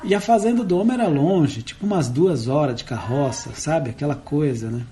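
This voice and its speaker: A man telling a folk tale in a casual chat as a guest, relaxed and rambling with frequent tag questions. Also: on the high side, fairly quick. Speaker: guest storyteller and guitarist.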